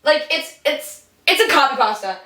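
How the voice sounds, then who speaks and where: A woman's voice: high-pitched, expressive, normal speed, pushed and bright. A young woman co-hosting a podcast in casual chat, rambling and giggly with lots of slang. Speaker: podcast co-host. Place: bathroom, sitting in a bathtub. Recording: echoey bathroom, voice from a distance.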